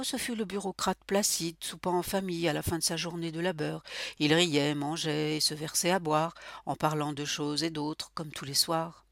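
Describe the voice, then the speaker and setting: A host of a literary series reads prepared narration and story passages in a measured, expressive way. The voice sits at a middle pitch and sounds close and dry, with no room around it. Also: no room sound. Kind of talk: scripted literary narration with readings.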